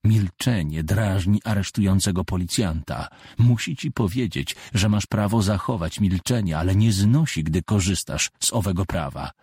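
Deep husky male audiobook narrator. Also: dry recording, clean studio sound. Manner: measured, deadpan. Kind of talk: first-person audiobook narration.

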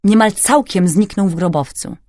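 A woman reading a fantasy audiobook in clear, even scripted narration. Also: mid-range voice, moderate pace, dry recording, clean studio sound.

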